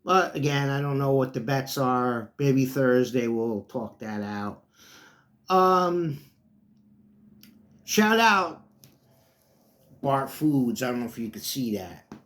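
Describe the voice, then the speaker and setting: A man's voice: mid-range voice, animated, takes it slowly, pauses often, fairly bright tone. A middle-aged man hosting his own sports talk channel, chatting in a loose, rambling way and calling his listeners folks. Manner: chatty, folksy, drifts between topics, often calls listeners folks. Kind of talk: casual rambling monologue.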